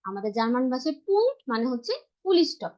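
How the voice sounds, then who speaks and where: A woman's voice: on the high side, very animated, fast talker, warm tone. A woman teaching a language class over a video call, patiently repeating and spelling out each letter. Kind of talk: online class instruction. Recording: dull lo-fi video call audio.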